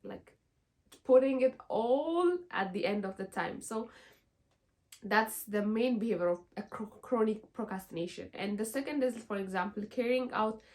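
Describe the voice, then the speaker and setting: Speaking English, though Amharic is her first language, a young Ethiopian vlogger offers earnest encouragement in a self-help video peppered with "like" and "you know." She talks at a moderate pace in a voice on the high side, darkish in tone.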